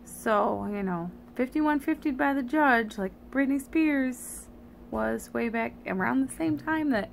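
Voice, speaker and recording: A sleepy woman talks through a personal, meandering monologue at an unhurried, halting pace. Her voice is creaky and a little slurred, as a retainer sits in her mouth. Faint noise sits behind her. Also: high-pitched. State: tired, sleepy. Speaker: vlogger. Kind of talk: rambling confessional monologue.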